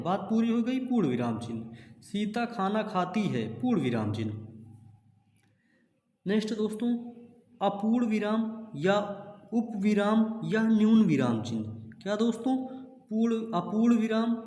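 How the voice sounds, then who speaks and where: Male exam-prep teacher, high pitch, quizzes viewers by repeating each point back, echoey room with a long tail. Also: dark tone. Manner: repeats each point as a question, calls the audience friends. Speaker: Hindi teacher.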